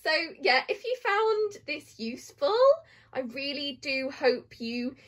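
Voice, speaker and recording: A woman's voice: high voice, expressive, slow, fairly bright tone. A bubbly young woman with a British accent, chatting enthusiastically through a casual makeup tutorial. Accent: British English. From Britain. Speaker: beauty vlogger.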